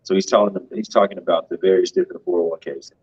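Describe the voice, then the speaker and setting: Husky low-voiced man, emphatic. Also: steady tone, very fast, a little mellow, highs cut off. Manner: emphatic, tags points with "right?". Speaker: co-host of a finance show. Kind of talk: casual financial commentary.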